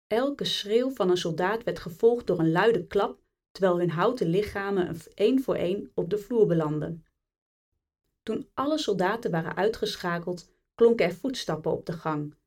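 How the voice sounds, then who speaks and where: A woman reading a chapter of a fantasy book aloud as a bedtime story, in a calm and measured way. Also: on the low side, far from the mic. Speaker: audiobook reader.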